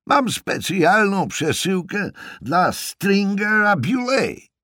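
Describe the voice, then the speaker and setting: A man voicing a tired, hungover mailman who has to shout back at a deaf old woman, in an audiobook reading. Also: high voice, very animated, takes it slowly, no room sound, clean studio sound, pitched above the performer's own voice, heavily acted. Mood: hurried. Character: weary, hungover middle-aged male mailman forced to shout.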